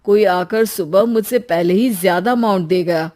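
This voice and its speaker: A man's voice: high voice, normal speed, darkish tone, close to an everyday voice. A man voicing a frustrated, hot-tempered young husband in a cartoon story. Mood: plain. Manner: blunt, irritable.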